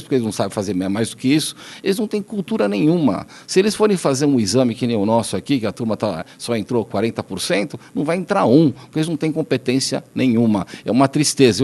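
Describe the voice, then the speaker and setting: A Brazilian doctor talks fast and heatedly on a podcast panel. His voice has a gravelly fry, and his pitch swings widely as he hammers his points home. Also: a little mellow. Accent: Brazilian Portuguese. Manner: indignant, emphatic repetitions. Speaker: doctor guest commentator. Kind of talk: opinionated podcast discussion.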